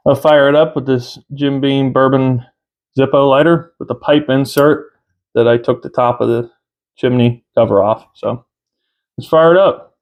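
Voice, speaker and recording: A man in his thirties giving a casual review to camera, unhurried and halting, often pausing mid-sentence. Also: medium pitch, darkish tone. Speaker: tobacco reviewer. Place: small room at home, indoors.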